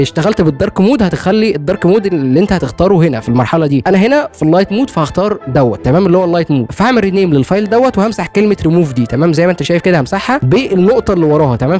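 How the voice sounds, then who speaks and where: Fast high-voiced Egyptian man with a cold. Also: a little mellow. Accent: Egyptian Arabic. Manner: keeps asking "right?" after each step. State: has a cold. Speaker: tech tutorial host. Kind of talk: screen-recorded software tutorial.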